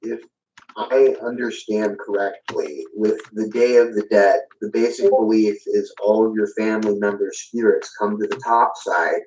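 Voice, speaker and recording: A speaker in a casual online chat, explaining in measured, orderly phrases. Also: medium pitch, fairly even intonation, a little mellow, a little hiss or hum. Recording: distant, muffled online call audio.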